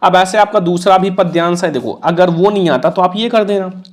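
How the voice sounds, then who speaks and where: A man's voice: high-pitched, normal speed. A man with a Hindi accent teaching an exam prep lesson in a casual, coaxing way, repeating the answers and the marks.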